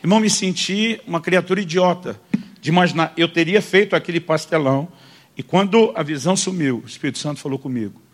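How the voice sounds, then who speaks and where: A man's voice: fairly high pitch, fast talker. A Brazilian man, a pastor, telling a vivid story in a sermon, calling listeners "brother" and acting out the people he quotes. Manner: animated storyteller, addresses listeners as "irmão", acts out quotes.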